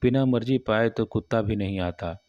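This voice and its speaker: A man's voice: fairly low pitch, moderate pace, a little mellow, no echo, lightly acted. A man voicing a shy young man in love, speaking earnestly with a trembling voice in a storybook reading. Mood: yearning. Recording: dull, muffled audio.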